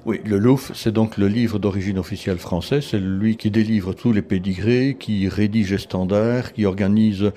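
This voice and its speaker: A man from Belgium, a cat show judge, answering interview questions in a measured, explanatory way with frequent restarts. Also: lowish voice, fairly even intonation, mellow, a little hiss or hum.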